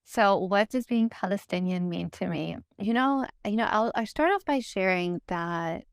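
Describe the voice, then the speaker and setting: In a clean, dry studio recording, a woman with an American accent talks at normal speed, her medium-pitched voice clear and resonant. She's from the United States and is a podcast guest and co-founder. Telling her story in an informal, reflective interview, she leans on "like" and "you know."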